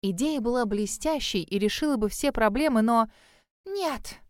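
A woman narrating a first-person audiobook, her voice a little high and very lively. The recording is dry and close, with no room sound. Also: moderate pace, no room sound.

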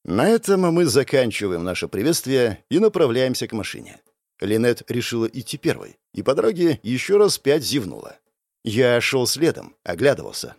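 Young guy reading a novel out loud, really expressive pitch, dry close sound, sarcastic. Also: creaky, no room sound. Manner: lively, sarcastic asides. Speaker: audiobook narrator. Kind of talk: first-person novel narration.

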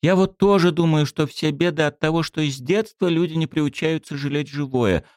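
A man voicing a shy, excitable teenage girl who talks in eager, confiding bursts. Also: a little high, normal speed, no echo, clean studio sound, voice pushed up, lightly acted.

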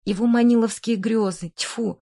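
A woman's voice: steady tone, normal speed, gravelly, mellow. A woman reading an audiobook, voicing a jealous, hysterical widow who shrieks, sneers and sobs at her rival. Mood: ranting. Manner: shrill, sneering, sobbing outbursts.

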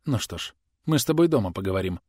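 A man's voice: fairly low pitch, animated, quick pace, warm tone, no room sound, studio quality. A man voicing a haughty young woman who gives orders and scolds. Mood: cold. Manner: commanding, indignant.

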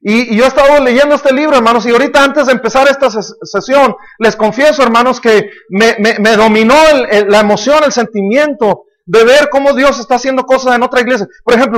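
Pastor, very high voice, emphatic sermon delivery, asks the congregation questions. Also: male voice, fast talker, hardly any pauses.

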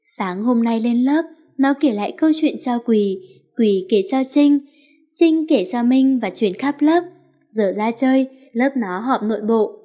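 Mellow, fairly high woman storyteller. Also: animated, measured pace. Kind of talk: story narration.

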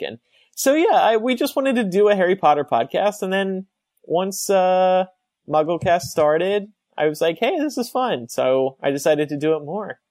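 A young man hosting a relaxed call-in podcast, chatting loosely with plenty of ums and easy laughter. His voice sits at an ordinary pitch and sounds close and dry, with no room around it. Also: dry recording. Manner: laughs often, rambling with many fillers. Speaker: podcast host. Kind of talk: casual call-in podcast chat.

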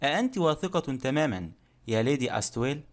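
A male reader plays a courteous, shrewd detective who asks questions gently and calmly. The voice drops a little lower and quieter than the narration. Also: quick pace, lightly acted. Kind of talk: audiobook character reading.

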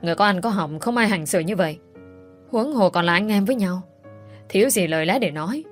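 A woman's voice: mid-range voice, expressive, a little fast, natural voice. Woman voicing a scolding middle-aged mother-in-law, fussy, exclaiming, faint music.

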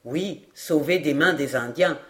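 A woman voicing a French army sergeant who speaks slowly, deliberately and firmly in an audiobook reading. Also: sits low, pitched below the performer's own voice. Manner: slow, deliberate and firm. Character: old French army sergeant, slow and certain.

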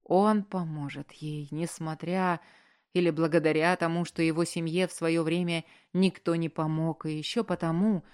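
A woman narrates a story in a measured, earnest audiobook reading. Her voice sits low for a woman and stays steady through the prose. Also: clear, resonant tone. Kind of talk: scripted narration.

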